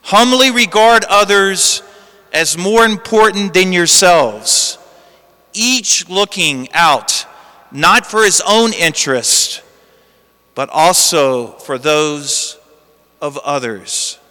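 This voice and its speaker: A male priest reads the gospel and preaches in a slow, emphatic manner. His high, smooth voice rings out through a long cathedral reverb, as if filling a large church. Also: expressive, sharp tone. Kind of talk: gospel reading and homily.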